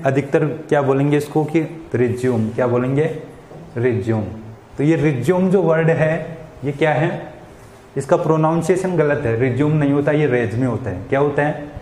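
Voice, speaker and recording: A male teacher gives a patient lesson, posing questions and answering them himself. His voice sits a little high, and the sound rings in an echoey room. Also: darkish tone. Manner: repeats questions and answers them himself, frequent "samajh gaye". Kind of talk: classroom lesson explaining English to Hindi speakers. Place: school classroom.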